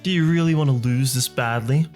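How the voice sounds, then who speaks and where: A man voicing a sinister, gloating young male card duelist who taunts and shouts, over faint music. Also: medium pitch, a little fast, lightly acted.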